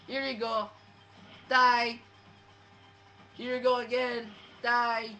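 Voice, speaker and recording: A man giving let's play commentary, excitable, trash-talking the enemies on screen and breaking into shouts and laughs. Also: very high voice, measured pace. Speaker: gamer playing through a platform game. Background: faint game music.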